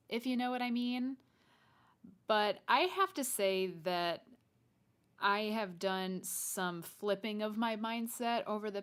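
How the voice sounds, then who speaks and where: A woman's voice: mid-range voice, fairly bright tone, clear, resonant tone. A young adult woman hosting a podcast solo, talking casually and chattily, straight to the listener. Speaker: podcast host. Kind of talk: conversational solo podcast monologue.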